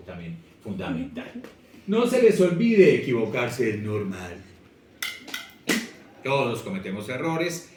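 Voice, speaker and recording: A man, a language teacher giving a lively, expressive lecture straight to his students. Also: medium pitch, slight background noise. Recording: echoey room, voice from far off.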